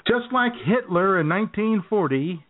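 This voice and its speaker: In dry, sarcastic casual chat, a man co-hosts a comedy podcast, his high-pitched voice animated and moderately paced. The recording sounds tinny, like a phone.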